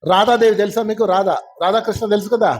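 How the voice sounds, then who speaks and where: A man giving a spiritual class, telling stories in a lively way and putting questions to his audience. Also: high-pitched, quick pace. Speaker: spiritual teacher.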